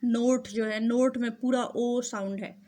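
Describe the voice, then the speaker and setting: Female teacher, Pakistani accent, higher voice, slow, patient delivery for young pupils. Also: fairly even intonation, mellow. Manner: slow, patient explaining, mixing English and Urdu. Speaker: school teacher. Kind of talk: recorded classroom lecture.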